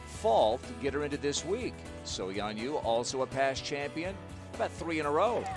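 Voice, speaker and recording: A man working as lead golf commentator, calling tournament highlights and setting up each shot. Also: sing-song, moderate pace. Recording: music behind the voice.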